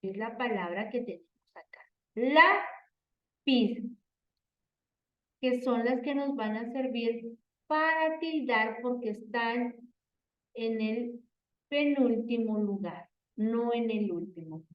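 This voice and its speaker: A woman teacher giving an online grammar lesson, explaining slowly and repeating herself with many "entonces" and "por favor". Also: on the high side. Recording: echoey, distant, dull online audio.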